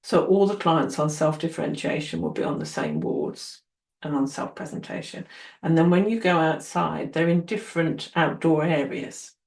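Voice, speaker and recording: A woman's voice: deep voice, very animated, moderate pace, a little mellow. A woman occupational therapy trainer giving an earnest, encouraging, casual talk to newcomers. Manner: earnest, encouraging, acts out quoted people. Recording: roomy echo.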